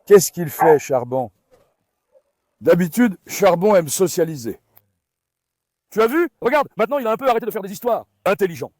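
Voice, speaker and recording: A man talking casually in a vlog while coaxing and calming his dogs on a farm. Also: high voice, moderate pace, long pauses, dry recording. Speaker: farm dog owner and vlogger.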